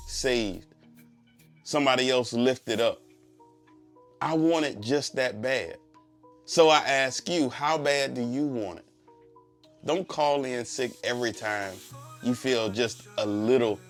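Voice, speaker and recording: Male motivational preacher, mid-pitched, slightly congested, insistent repeated phrases and rhetorical questions, music underneath. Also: fairly bright tone. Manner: emphatic repetition and rhetorical questions. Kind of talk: motivational speech, faith testimony.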